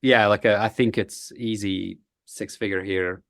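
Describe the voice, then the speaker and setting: A low-pitched man from Egypt, speaking English as a guest on a podcast. He talks earnestly and thoughtfully, often pausing on "uh". The recording is dry and close. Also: fairly even intonation, creaky, no echo. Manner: earnest, reflective, frequent "uh" fillers. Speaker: guest, entrepreneur. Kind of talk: podcast interview.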